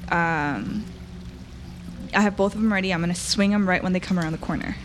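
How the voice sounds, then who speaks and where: A woman's voice: on the low side, fairly quick, faint music behind. A woman playing a tabletop game, talking hesitantly with many fillers and giggles. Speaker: player. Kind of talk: casual tabletop play.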